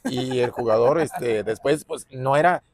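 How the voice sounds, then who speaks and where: This ex-footballer, a middle-aged man with a Mexican Spanish accent, talks loosely and thoughtfully in an interview, pausing and using fillers. His voice sits in the mid-range, with no echo.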